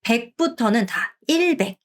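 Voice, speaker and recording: A middle-aged woman from Korea teaching an online language lesson. She explains each point, then says the words slowly and repeats them for learners. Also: fairly high pitch, animated.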